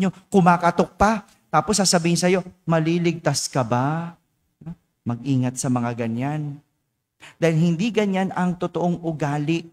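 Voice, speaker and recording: A man preaching a homily as parish priest, asking his congregation rhetorical questions and tagging his sentences with a questioning "no?". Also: sits high. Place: church. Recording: long church reverb.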